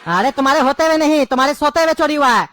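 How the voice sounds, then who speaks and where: A woman's voice: sits high, lively intonation, fairly bright tone, no echo. A woman, playing an irritable father in a comedy sketch. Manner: fast, irritable.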